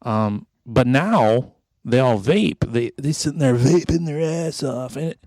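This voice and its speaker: A man's voice: mid-range voice, expressive, a little slow, a little mellow, no echo. A middle-aged man hosting an improv comedy podcast, rambling along in a jokey, mock-sentimental way. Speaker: podcast host.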